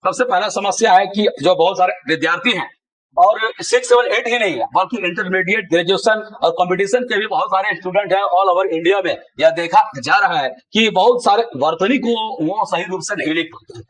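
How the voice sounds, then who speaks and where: High-voiced man teaching spelling drills. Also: a little fast, hardly any pauses, a bit bright, poor audio. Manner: drills syllables and letter names aloud in long lists. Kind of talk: classroom-style spelling lesson.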